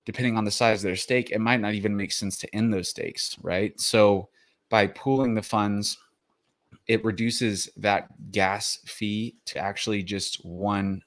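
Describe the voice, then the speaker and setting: A man hosting a crypto explainer, talking casually with many fillers and restarts, a little out of breath after the gym. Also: lowish voice. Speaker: crypto video host.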